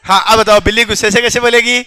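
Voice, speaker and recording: High bright-voiced man teaching a class. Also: flat delivery, fast, clear, resonant tone, no room sound, a faint crowd. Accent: Rajasthani Hindi. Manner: quizzing students, teasing and joking.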